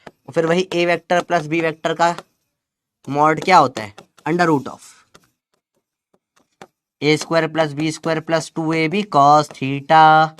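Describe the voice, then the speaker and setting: A man's voice: on the high side, level tone, slow, long pauses, a bit bright, slight background noise. Teasing young man teaching physics. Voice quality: chatty, teasing, calls students beta. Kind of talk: classroom lecture with Gen Z slang.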